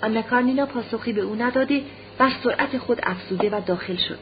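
A woman reading a classic novel aloud in a measured, storytelling way, her voice on the higher side. The recording sounds dull and lo-fi, with a faint hiss underneath. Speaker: narrator.

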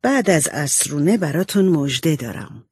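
Mrs March, a calm, loving mother of four girls voiced by a narrator in a storybook reading. She speaks slowly and tenderly, her voice only slightly raised and easy. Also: medium pitch, husky, no room sound, studio quality. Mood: cheerful.

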